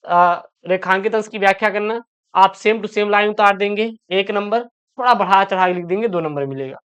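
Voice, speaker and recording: Her voice is medium-pitched with a clear, resonant quality. In an online lesson preparing students for exams, she calls them "beta," reads questions aloud, often says them twice, then gives the answer, moving fast and explaining as she goes.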